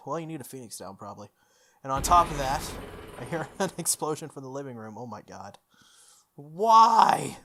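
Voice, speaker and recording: With game music in the background, a man with a medium-pitched, fairly bright voice reads a visual novel aloud for his playthrough channel. His delivery is dramatic, with casual asides along the way.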